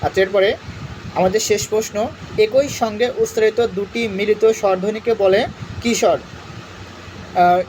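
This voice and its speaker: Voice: medium pitch, fairly even intonation, unhurried, long pauses, a little mellow, a little hiss or hum, poor audio. Young adult tutor, exam-prep lesson, reads each option aloud, repeats the answer.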